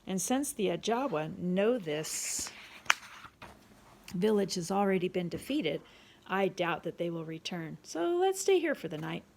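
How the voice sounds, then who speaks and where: A woman voicing a steady, determined male doctor-explorer who talks earnestly and reasons with others. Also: fairly low pitch, unhurried, creaky, noisy background, exaggerated voice. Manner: earnest, reasoning, peace-seeking.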